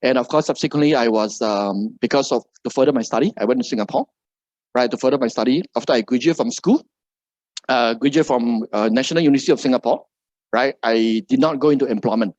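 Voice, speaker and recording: Speaking fast in a medium-pitched, slightly mellow voice, a middle-aged man from Malaysia delivers a motivational seminar to a live audience in Malaysian English, tagging "right?" onto nearly every phrase. There's no room sound, and the audio is muffled.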